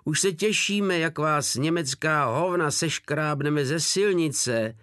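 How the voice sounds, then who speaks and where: A man's voice: on the high side, clean tone, no echo, clean studio sound, voice pushed up, close to an everyday voice. A man doing a jeering partisan bellowing over the radio. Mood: taunting. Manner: mocking, shouting.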